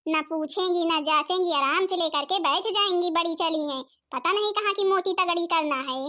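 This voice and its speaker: Cartoon saas, bossy and nagging, very high voice. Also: female voice, moderate pace, bright, forceful tone. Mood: scolding. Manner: nagging, scolding. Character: scolding, stingy older mother-in-law who favours grandson. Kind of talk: cartoon comedy voice acting.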